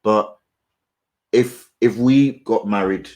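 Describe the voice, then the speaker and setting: A man's voice: on the low side, slow, darkish tone. A middle-aged man co-hosting a casual talk about marriage, often repeating words as he searches for them. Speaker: co-host.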